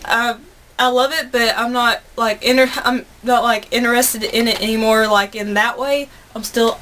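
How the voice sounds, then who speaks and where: Talking to camera in a somewhat high, fairly bright voice, this twenty-something video blogger from the United States rambles a little as she chats earnestly with her viewers. Her homemade recording carries some noise.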